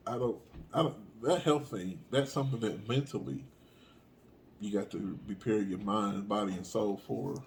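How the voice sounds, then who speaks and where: A man's voice: lowish voice, moderate pace, a little hiss or hum. A man co-hosting a podcast in casual chat, playful and joking. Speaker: podcast co-host.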